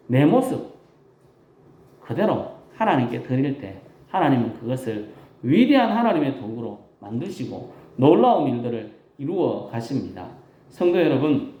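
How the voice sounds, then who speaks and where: A man's voice: a little high, reverberant, highs cut off. A man with a Gyeongsang accent, a rural pastor preaching a Sunday sermon in a folksy, emphatic way with self-deprecating humor.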